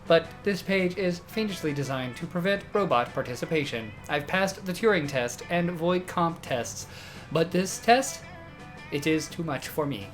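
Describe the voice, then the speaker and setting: Deadpan robot student played by a man, pedantic, formal, stilted; game role-play with faint music behind. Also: a little high, moderate pace, lightly acted. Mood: stilted pedantry. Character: pedantic literal-minded male robot student, formal and dry.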